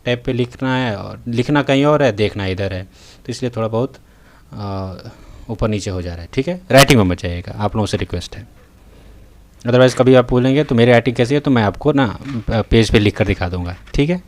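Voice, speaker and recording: A man's voice: mid-range voice, brisk. A man teaching a math lesson in a touch, writing on a tablet as he talks and often checking that the students follow. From North India. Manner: repeats "theek hai" and "hai na", checks in with students. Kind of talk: tutorial lesson. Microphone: voice-over recorded while writing on a tablet.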